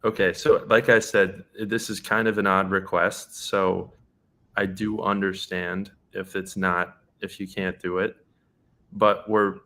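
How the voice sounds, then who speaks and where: A man's voice: lowish voice, sharp tone. A man making a prank phone call, hesitant and overly polite, stumbling with ums and restarts. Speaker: prank caller.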